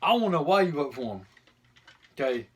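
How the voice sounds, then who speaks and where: A man's voice: a little high, animated, a little fast, breathy edge. A man chatting casually and giving his opinions bluntly, with some mild swearing, as a video host. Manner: blunt, mildly profane.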